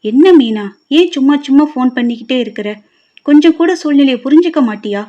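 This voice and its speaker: A woman voicing a short-tempered, scornful husband who shouts sharp insults. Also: a little high, a little fast, natural voice. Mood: angry scolding. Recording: dull lo-fi recording.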